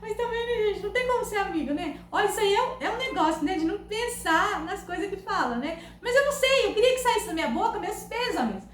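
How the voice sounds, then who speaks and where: A woman with a Brazilian Portuguese accent, telling funny stories to her camera in a loud, animated, laughing way. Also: very high-pitched, fairly quick, few pauses. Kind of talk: casual storytelling to camera. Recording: echoey room, faint background noise.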